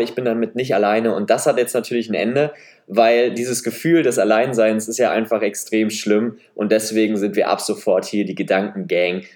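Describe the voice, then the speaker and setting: A Leipzig native in his 20s, from eastern Germany, hosts a solo podcast in a chatty, self-deprecating way. His nasal voice is mid-range with a darkish tone and a slight Saxon German accent, and the semi-scripted monologue is recorded on a podcast microphone.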